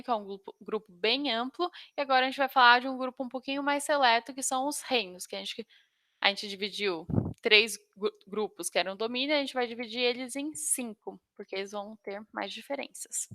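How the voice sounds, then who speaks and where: A Brazilian woman with a bright, fairly high voice gives an informal lesson as a teacher. She has a slight lisp and trips over technical words. The sound is close and dry. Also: no echo. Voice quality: slight lisp, tongue-tied. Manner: stumbles over technical terms. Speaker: biology teacher. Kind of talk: informal lesson for exam students.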